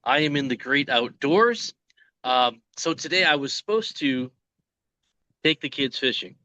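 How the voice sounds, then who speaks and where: A man's voice: medium pitch, lively intonation, a little slow, pushed and bright, no echo, dull audio. A man hosting a podcast interview, chatting in a folksy, joking way from outdoors by a pond. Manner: folksy, joking, with frequent restarts. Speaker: podcast host. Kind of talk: casual interview chat.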